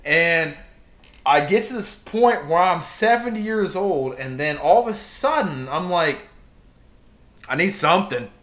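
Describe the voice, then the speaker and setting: Bright-voiced man rambling in casual chat. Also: on the high side, a little slow. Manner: rambling, animated, swears freely, talks with hands on table.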